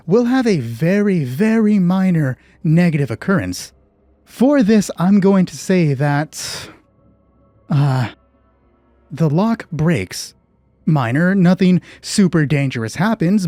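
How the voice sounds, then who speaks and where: A man with a fairly high but dark-toned voice, recorded dry, runs a solo tabletop RPG session. He tells the story and walks through the rules casually, musing aloud with self-deprecating asides.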